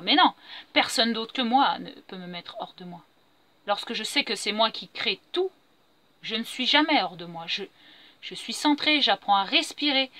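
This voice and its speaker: In a spontaneous spiritual monologue, a middle-aged woman shares her personal growth as a vlogger, speaking about her feelings in an earnest, repetitive, self-affirming way. Her voice is fairly high, bright, and forceful, recorded with no room sound.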